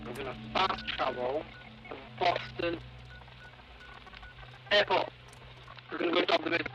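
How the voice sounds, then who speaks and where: A man's voice: fairly high pitch, unhurried, music in the background. A man talking through a voice changer while casually commenting on his gameplay as a channel host. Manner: chatty, thinking aloud while playing. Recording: dull lo-fi sound with clear noise.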